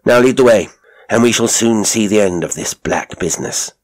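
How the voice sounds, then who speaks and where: A man voicing a sharp, commanding male detective in an audiobook, with a brisk, authoritative manner. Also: lowish voice, pitched above the performer's own voice, natural voice. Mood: urgent. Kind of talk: audiobook character acting.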